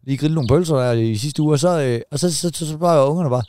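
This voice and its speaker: A man's voice: a little high, a little mellow. Rambling Danish man in his forties. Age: 40s. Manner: rambling, stammers and repeats words, swears casually. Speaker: podcast co-host. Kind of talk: casual chat.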